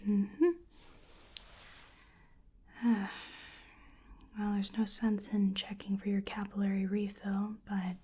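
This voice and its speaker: At a medium pitch, a woman whispers softly and breathily as an ASMR medical examiner, murmuring to herself. Her delivery is flat and slow with long pauses, gentle and hesitant throughout.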